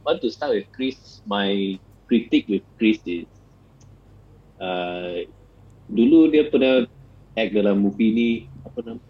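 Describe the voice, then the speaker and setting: A man's voice: fairly low pitch, measured pace, slightly rough, lo-fi sound. A Malaysian man casually discussing films, switching between Malay and English in a colloquial way peppered with 'lah'. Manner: colloquial code-switching with frequent 'lah' particles. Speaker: guest film critic.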